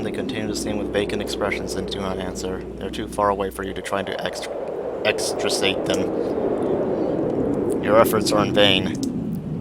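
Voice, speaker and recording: A low-voiced man reads a game's story aloud on a live stream, tossing in casual asides and occasionally stumbling over words. Game music plays behind him, and there's heavy background noise.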